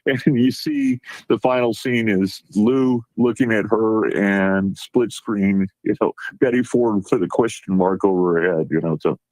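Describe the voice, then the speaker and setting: A man's voice: lowish voice, measured pace, hardly any pauses, a little mellow, no echo, low-quality recording. A man guest chatting casually, telling a rambling anecdote and acting out the quoted lines. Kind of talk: casual chat.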